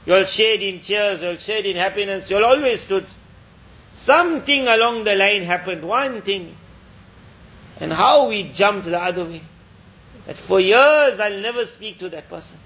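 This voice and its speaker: A man's voice: sits high, lively intonation, moderate pace, a bit bright. A male preacher telling a story in a sermon and drawing moral lessons with repeated, emphatic phrases, in a slightly muffled recording.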